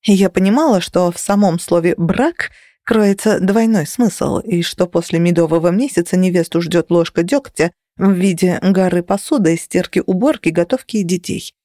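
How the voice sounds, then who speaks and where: A woman narrating a first-person novel in an even, measured reading. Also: on the low side, no echo, studio quality. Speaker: audiobook narrator.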